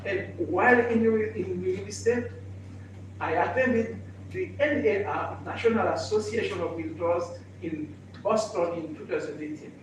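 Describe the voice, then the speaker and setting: Haltingly, with many repeats and restarts, an older Haitian man who serves as a real estate association president introduces himself. His voice sits high. He's recorded in an echoey room with background noise, the microphone placed far away.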